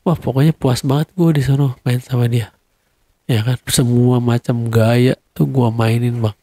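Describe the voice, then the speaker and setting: A young man with a Jakarta accent tells a personal story casually and with animation, acting out quarrels in a raised voice. He speaks at a medium pitch and an unhurried pace, with no room sound.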